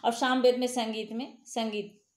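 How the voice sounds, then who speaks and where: A woman's voice: on the high side, flat delivery, normal speed, roomy sound. A woman tutor reading exam questions aloud and answering them, with hesitant fillers and self-corrections, her voice lifting sharply on each new question. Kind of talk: exam quiz walkthrough.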